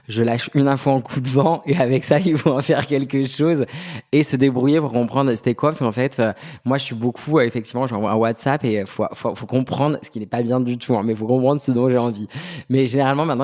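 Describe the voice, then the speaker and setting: A man in his thirties from Brittany, France, speaks in a medium-pitched, somewhat dark voice. He's a guest in a casual interview, a pet specialist who heads an agency, and he chats with lots of fillers and restarts.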